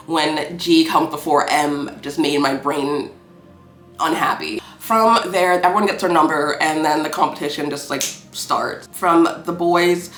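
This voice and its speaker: Film reviewer, casual rambling talk, swears, playfully petty, mid-pitched voice, roomy echoey room. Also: fairly bright tone.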